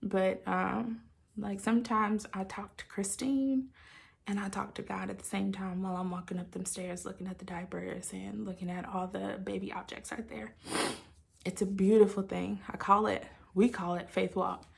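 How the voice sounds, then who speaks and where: A woman with a creaky, mid-range voice talks to her viewers in an informal, candid way, like a chatty personal video diary. Her delivery is flat and her pace moderate.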